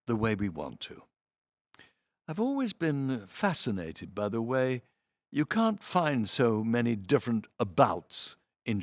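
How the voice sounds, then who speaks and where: With a theatrical flourish, a man reads programme notes aloud, letting his pitch move freely between phrases and adding brief asides. He phrases deliberately and leans into key words for emphasis. The recording is close and dry, with no echo.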